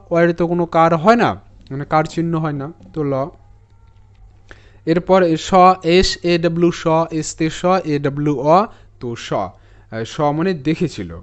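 A man teaching English phonics, spelling words out letter by letter and repeating each sound slowly. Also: fairly high pitch, a little mellow, lo-fi sound. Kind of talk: phonics lesson.

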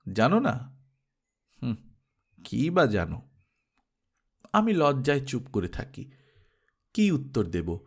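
A man reading a literary short story aloud in an expressive manner, acting out the characters. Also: medium pitch.

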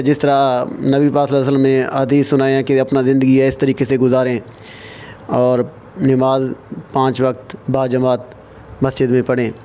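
A man interviewing a cleric, asking his question in a polite, deliberate way. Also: medium pitch, warm tone, a little hiss or hum.

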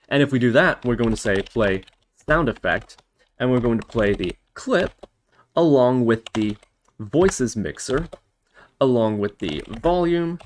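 In a lowish voice, with a little background noise, a man casually narrates a screen-recorded coding tutorial, explaining what he's doing step by step as he types.

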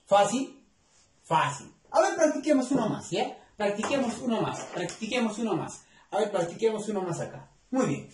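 A man teaching arithmetic to children, coaxing them with many quick questions. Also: sits high, sing-song, recorded from a distance, slight background noise. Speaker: math teacher. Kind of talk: explaining a lesson to children. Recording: echoey room, voice away from mic.

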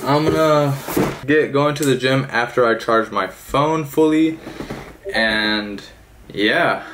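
A young man talks in a laid-back, rambling way, full of fillers. His voice sits at a middle pitch. Steady noise from the car and the outdoors runs behind him. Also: slow pace, rough recording. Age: young adult. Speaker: vlogger. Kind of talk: casual vlog chat. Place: parked car, then gym.

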